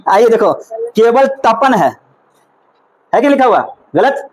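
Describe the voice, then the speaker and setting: A man's voice: very high-pitched, lively intonation, measured pace, rough recording. A man with a Bihari Hindi accent teaching a class. He keeps asking the room questions and repeating the puzzle step by step in a coaxing, patient way. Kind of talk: classroom reasoning lesson.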